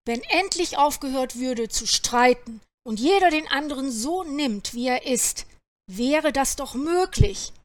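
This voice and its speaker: Female storyteller, high voice, slow unhurried reading of a children's tale, dry close sound. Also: animated, dry recording.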